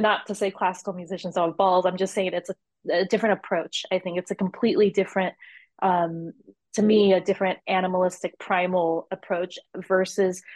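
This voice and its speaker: A young adult woman, a cellist, talking in a casual interview with a rambling, animated manner, frequent fillers and laughter. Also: lowish voice, no echo.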